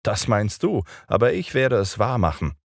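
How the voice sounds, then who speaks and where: A man's voice: on the low side, very animated, normal speed, vocal fry, no echo, studio quality, pitched above the performer's own voice, heavily acted. A man voicing Peter, a cocky, bossy boy, in a raised boyish voice in an audiobook. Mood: scolding.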